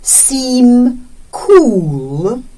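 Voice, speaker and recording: A woman teacher reading a text aloud as a dictation in deliberate short phrases, speaking the punctuation. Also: a little high, sing-song, mellow, distant mic, poor audio.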